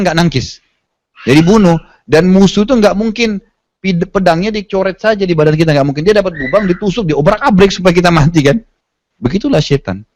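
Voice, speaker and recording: A man's voice: fairly high pitch, a little mellow, no room sound. A man giving a religious lecture, telling stories and acting out the quoted lines in a casual, colloquial way. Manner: storytelling with acted quotes, casual colloquial asides. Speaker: preacher.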